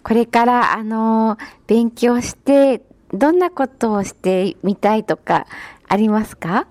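A woman's voice: fairly high pitch, lively intonation, slow pace, darkish tone, no echo. A woman hosting a radio interview show, formal, courteous and encouraging as she asks her guest questions. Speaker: radio host.

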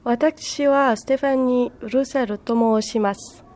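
A woman's voice: a little high, fairly even intonation, slow, a little mellow. Woman answering in simple learner phrasing. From France. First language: French. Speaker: guest, language learner. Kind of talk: interview answers.

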